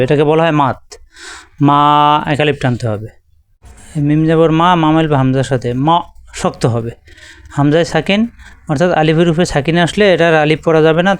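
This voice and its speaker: A man with a Bangladeshi Bengali accent teaching a patient, step-by-step Quran reading lesson, repeating letters slowly. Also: fairly high pitch, smooth, no room sound.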